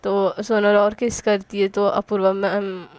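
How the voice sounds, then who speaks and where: Chatty woman narrating in a flat, even tone. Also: medium pitch, a little slow. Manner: chatty, narrates with quoted dialogue and fillers. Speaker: storyteller. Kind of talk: casual spoken retelling of a love story.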